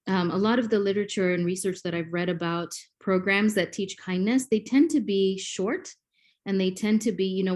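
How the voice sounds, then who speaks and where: A Kenyan woman in her forties, whose first language is Swahili, speaks in a fairly low, slightly mellow voice. She's a guest on a podcast, explaining things like a classroom teacher and saying "um" a lot.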